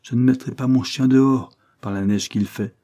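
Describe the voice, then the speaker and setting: A man reading aloud voices a calm, firm gentleman lawyer, steady and earnest. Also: mid-range voice, moderate pace, voice pushed up, natural voice.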